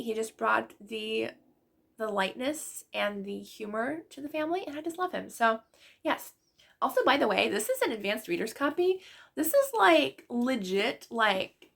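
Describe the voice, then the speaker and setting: A woman's voice: fairly high pitch, vocal fry, fairly bright tone. A woman book vlogger chatting casually about books she loved, gushing and full of fillers. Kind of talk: casual book review chat.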